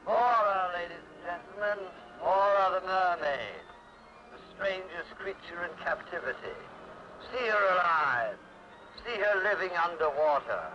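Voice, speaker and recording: A genial old sea captain who talks like a showman, in a bright, lively, higher voice. The sound is a dull, muffled 1960s film soundtrack with a faint hiss behind it. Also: a little slow, full character voice. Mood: barking. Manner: smooth, courtly, then booming showman pitch. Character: older male sea captain and carnival barker.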